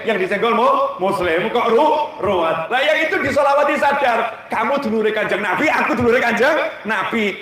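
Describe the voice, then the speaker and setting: A man's voice: fairly high pitch, slight background noise. A man giving a humorous religious sermon, telling stories with folksy asides. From Indonesia. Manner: humorous, lively storytelling with Javanese asides. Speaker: preacher. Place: large hall at a religious gathering. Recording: echoey, distant mic with faint background ambience.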